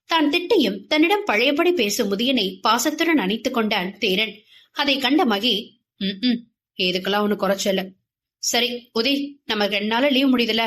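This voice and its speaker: A woman's voice: fairly high pitch, a bit bright. Woman reading a dramatic romance novel. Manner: voices every character herself, quick and emphatic in dialogue. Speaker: audio novel narrator.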